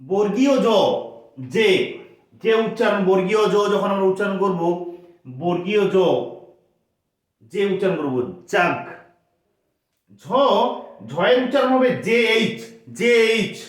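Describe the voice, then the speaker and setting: A man teaching pronunciation, slow and patient, repeating each sound several times. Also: sits high. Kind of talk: spoken language lesson. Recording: very echoey room.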